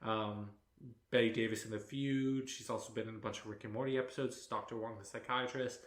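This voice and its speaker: A man's voice: lowish voice, steady tone, brisk. A man co-hosting a podcast in casual chat, rambling with lots of fillers. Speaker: podcast co-host. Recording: echoey room.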